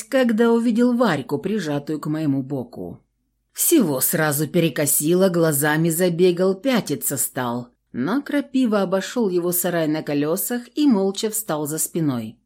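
Expressive woman reading a novel. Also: lowish voice. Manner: expressive, coarse slang narration. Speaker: audiobook reader. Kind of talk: first-person narration of a novel.

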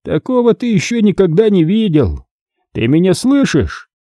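A man voicing a vengeful male killer who taunts his victim in a slow, drawn-out, menacing way. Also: high-pitched, very animated, warm tone, no echo, studio quality, voice pushed up.

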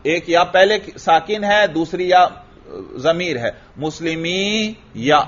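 A man with a fairly high voice teaches a grammar class. He keeps asking questions and then answers them himself, repeating each key word. The recording is dull and lo-fi, like an old classroom tape. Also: expressive, fairly bright tone.

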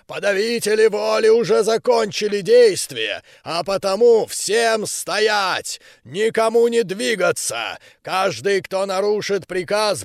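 A man voicing a giant, stern alien general in an audiobook, his voice booming and amplified as it rolls over an arena. He speaks slowly, in commanding proclamations. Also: vocal fry, no room sound, studio quality, heavily acted. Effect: booming amplified voice rolling over an arena. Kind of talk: audiobook character voice.

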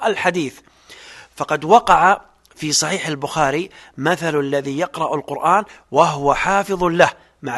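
A man's voice: mid-range voice, fairly bright tone. A man teaching a Quran exegesis lesson as a sheikh, speaking formal Standard Arabic in a didactic way.

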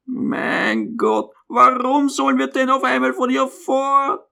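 Brief: frail old mother, hesitant and plaintive, put on by a male reader, raised pitch, audiobook. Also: steady tone, slow pace, creaky, fairly bright tone, exaggerated voice. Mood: timid anxious. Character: timid frail old mother, fearful and meek.

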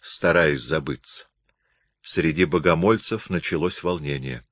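A man reading a historical novel aloud as an audiobook narrator, in measured, even storytelling. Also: a bass voice, no room sound.

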